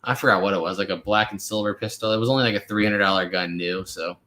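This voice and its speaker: A man in his twenties, the channel host, runs a casual live Q&A chat, laid-back and rambling with plenty of fillers. His lowish voice is fast, bright, and forceful, with fairly even intonation. The recording has a roomy echo.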